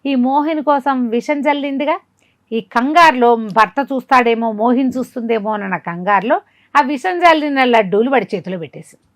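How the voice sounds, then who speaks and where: In a clean, dry studio recording, a woman with a fairly high pitch speaks at normal speed. She tells a folk tale to a listener in a conversational, animated retelling, voicing the quoted exchanges as she goes.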